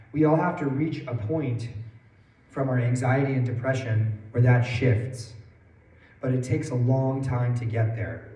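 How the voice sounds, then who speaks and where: A man in his twenties with a hoarse, worn-out voice, giving a personal public talk as a guest speaker. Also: mid-range voice, warm tone. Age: 20s. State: hoarse from losing his voice that morning. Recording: roomy echo, distant mic, faint noise.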